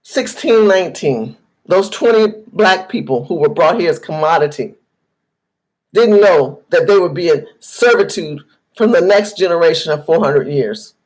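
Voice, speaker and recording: A woman's voice: fairly low pitch, lively intonation, moderate pace, a little mellow, poor audio. An American woman giving impassioned commentary straight to her viewers, emphatic and repetitive, driving each point home as if lecturing. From United States. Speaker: political commentator vlogger. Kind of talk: impassioned direct-to-camera commentary.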